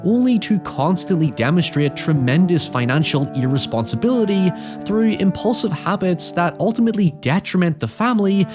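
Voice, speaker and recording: A man hosts a scripted video essay, narrating articulately and analytically with the odd wry aside. His voice is high-pitched and expressive, moving at a moderate pace with hardly any pauses, while guitar music plays in the background.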